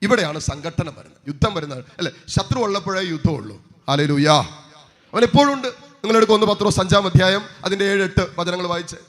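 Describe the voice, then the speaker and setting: High-voiced preaching priest in reverberant hall. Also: male voice, brisk, a bit bright. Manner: preaching with rising, declaiming emphasis and frequent hallelujahs; asks the congregation rhetorical questions. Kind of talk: sermon.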